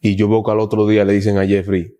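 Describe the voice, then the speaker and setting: A man's voice: fairly low pitch, fast talker. A young man, telling a story as a podcast guest and acting out the dialogue. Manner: animated, acts out quoted dialogue. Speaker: guest baseball player. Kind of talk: casual storytelling interview.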